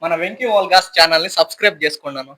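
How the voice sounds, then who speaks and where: A man filming a prank vlog on a phone at home, loudly and insistently calling out to his friend and teasing him. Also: on the high side, rapid-fire, rough recording. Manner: loud, insistent, repeats calls and commands. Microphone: phone camera.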